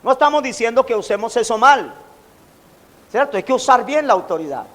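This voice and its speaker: Pastor guy preaching, really high voice, big echoey church hall. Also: fairly quick. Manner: animated preaching, acting out quoted taunts. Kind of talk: sermon. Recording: long hall reverb.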